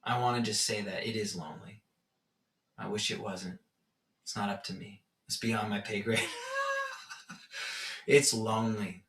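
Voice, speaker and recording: A man's voice: on the low side, unhurried, long pauses, slight background noise. A man giving a casual spiritual teaching talk, telling stories and acting out his own reactions. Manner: animated storytelling, acts out his own reactions. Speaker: meditation teacher. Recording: roomy echo, from far off the mic.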